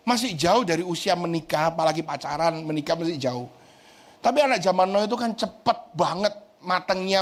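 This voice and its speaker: A middle-aged man preaching as pastor in a chatty, joking sermon. He keeps asking the congregation "right?" and drops English phrases into his talk. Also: sits high.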